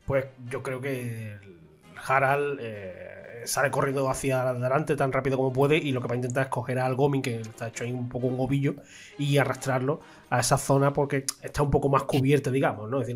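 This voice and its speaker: A man playing a tabletop role-playing game, describing his character's actions in a halting way. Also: mid-range voice, fairly even intonation. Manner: halting, with fillers. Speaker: player. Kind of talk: casual game talk.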